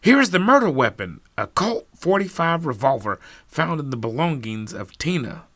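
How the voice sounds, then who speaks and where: A man's voice: fairly high pitch, big pitch swings, normal speed, a bit bright, no room sound, voice pushed up. A man voicing a smug adult male police detective who asks clipped, demanding questions. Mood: accusing.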